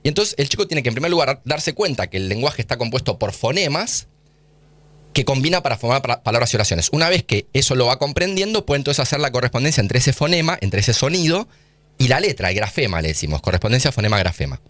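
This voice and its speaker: An Argentine man speaks fast in a radio studio interview, his pitch rising and falling a lot as he explains with casual slang. The sound is dry and close, with no room echo. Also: very animated, a bit bright. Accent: Argentine Spanish. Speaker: guest scientist.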